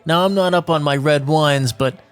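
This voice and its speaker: Male GM as a suave young mage host, smooth and unhurried, voice sitting a bit high. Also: lightly acted.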